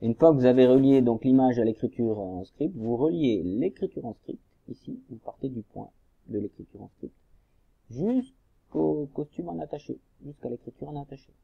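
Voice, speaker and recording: A man's voice: medium pitch, lively intonation, moderate pace, vocal fry, husky, dry recording, narrow, tinny audio. A man teaching young children a reading lesson, patiently guiding them through workbook exercises and spelling out syllables. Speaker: primary school teacher.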